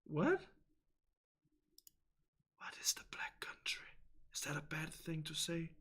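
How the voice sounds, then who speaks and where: His voice is a little high and somewhat bright, husky and whispered, swinging widely in pitch as he takes his time. The man, a native Dane from northern Denmark with a Danish accent, hosts a casual English livestream where he reads viewer chat, rambles chattily, fumbles for words and laughs often.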